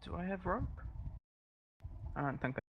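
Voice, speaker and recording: Man, tabletop player, blunt and profane, clear background noise and clicks. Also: sits high, very animated, moderate pace, muffled recording. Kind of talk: casual tabletop play.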